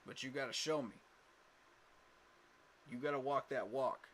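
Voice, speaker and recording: This fan channel host runs a casual livestream in a mid-range voice that's a little slow, with slight background noise. Short on sleep and tired, he talks emphatically, full of fillers and repeated words.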